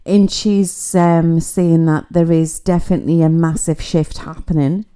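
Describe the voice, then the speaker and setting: Woman, middle-aged, low and warm, chatty mystical livestream psychic. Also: fairly even intonation, measured pace, clear, resonant tone. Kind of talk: casual livestream spiritual reading.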